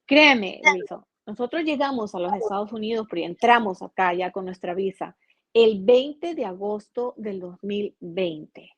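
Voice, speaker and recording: A woman with an Ecuadorian accent, a journalist guest telling a personal story in a casual interview, earnest and animated, often restarting her sentences. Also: mid-range voice, unhurried, no echo, highs cut off. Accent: Ecuadorian Spanish.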